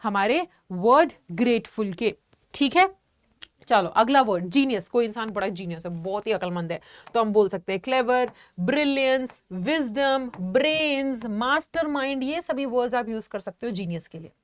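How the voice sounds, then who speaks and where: A woman's voice: fairly high pitch, lively intonation, moderate pace, no room sound. A young adult woman teaching a vocabulary lesson, explaining patiently and checking in with her students. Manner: explains patiently, addresses students as "beta", frequent "theek hai" check-ins. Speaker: online teacher.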